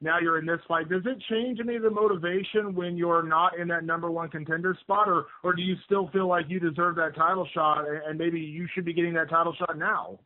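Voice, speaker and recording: A man's voice: fairly high pitch, fairly even intonation, a little fast, hardly any pauses. A man asking questions as a reporter over a tinny phone line.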